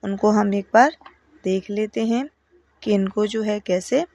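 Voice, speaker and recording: A woman teaching English phonics at home, patiently calling out word lists and stressing each word loudly. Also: medium pitch, unhurried, no echo, highs cut off.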